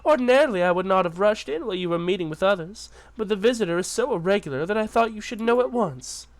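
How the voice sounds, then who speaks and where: A man voicing a flustered young castle maid who speaks in a hurried, apologetic way. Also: high voice, animated.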